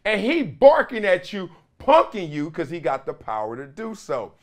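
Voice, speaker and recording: This middle-aged sports commentary host speaks at a moderate pace in a high-pitched voice that swings hugely in pitch. Working in a small studio, he spins stories and acts out quotes with big, broad gestures.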